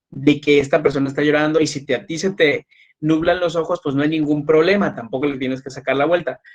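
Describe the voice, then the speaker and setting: A man teaches a psychology class in a relaxed, conversational lecture. His voice sits a little higher than most men's. He repeats key points, checks in with a quick "ok?", and fills pauses with small fillers and restarts. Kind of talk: recorded online class lecture.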